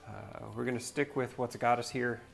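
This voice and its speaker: With music in the background, a man from North Carolina keeps up a laid-back, rambling chat on his livestream while building something. His medium-pitched voice stays steady in tone, moving at a moderate pace with some vocal fry.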